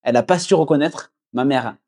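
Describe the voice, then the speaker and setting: A young man with a southwest French accent, chatting casually as a podcast guest, relaxed, with many fillers and restarts. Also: mid-range voice, a little fast, breathy edge. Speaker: podcast guest, agency founder. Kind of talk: casual conversation.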